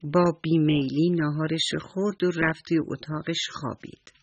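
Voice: medium pitch, fairly even intonation, husky, dry recording, lo-fi sound. A children's storyteller telling a story and speaking affectionately straight to the young listeners. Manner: affectionate, addresses children directly.

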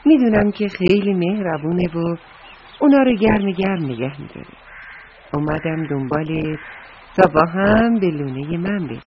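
A kind, sensible mother sparrow talks in a gentle, reassuring way, as a woman storyteller voices her. Her voice moves lively up and down, and the recording is dull and lo-fi with a faint hiss. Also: lowish voice, lightly acted. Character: kind, wise female sparrow mother, small bird.

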